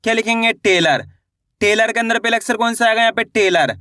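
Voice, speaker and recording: Casting: man, high bright clear voice, patient reading teacher, dry close mic. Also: dry recording. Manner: slow, drawn-out syllable spelling with repeated questions. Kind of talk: online reading lesson.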